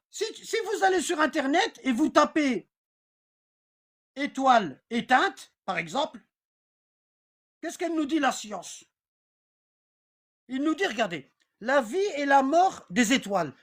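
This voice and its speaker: High-sitting and fairly bright, this voice belongs to a religious teacher giving an informal online lesson. Passages are read aloud and then discussed in a repetitive, rambling manner, with the teacher regularly asking if the class follows.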